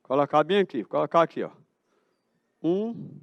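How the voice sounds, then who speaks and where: A man's voice: fairly high pitch, expressive, normal speed, no room sound, dull audio. A Brazilian man teaching a math class in a school auditorium, asking his students questions and answering them himself. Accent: Brazilian Portuguese.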